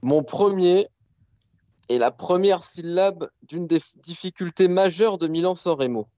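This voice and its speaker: Man, quiz master, playful, slightly high voice, dry close sound. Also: a little slow, warm tone, no echo. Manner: playful, announcing. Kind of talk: reading quiz riddles.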